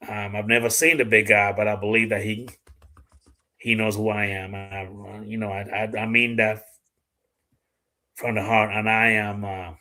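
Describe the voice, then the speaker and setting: Hosting a laid-back livestream chat, a middle-aged man from the Dominican Republic talks bluntly, swears freely, and carries a Dominican accent. His fairly low voice has a sharp edge.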